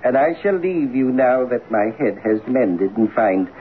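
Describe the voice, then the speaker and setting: An actor playing a stern, mysterious older father in an old radio drama, speaking slowly and solemnly. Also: medium pitch, expressive, close to an everyday voice. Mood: grave. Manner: slow, solemn, grandly intoning. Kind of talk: 1940s radio acting. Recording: tinny old radio broadcast with hiss.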